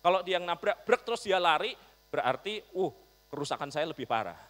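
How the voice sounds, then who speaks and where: A male pastor preaching a storytelling sermon, animated, swinging from loud to soft. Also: high voice, fairly quick. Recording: long reverb, mains hum.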